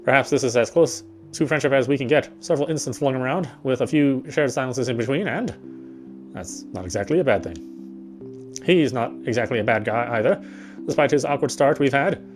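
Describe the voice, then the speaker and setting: Soft guitar music from the game plays while a player reads its scripted narration aloud. His voice sits at a medium pitch and moves fairly quickly, and now and then he stumbles on a phrase and starts it over.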